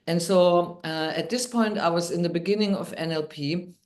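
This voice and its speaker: A woman's voice: on the low side, normal speed, darkish tone. A woman with a German accent, a guest on a podcast, telling her story in an upbeat way. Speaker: guest, midwife and NLP trainer. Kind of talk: podcast interview.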